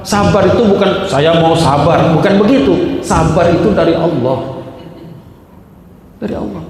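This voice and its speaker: Gravelly male preacher in an echoey mosque. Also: fairly high pitch, slight background noise. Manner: conversational, personal, chanting Arabic verses slowly. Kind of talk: mosque study sermon. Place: large mosque hall. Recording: echoey mosque hall with reverb.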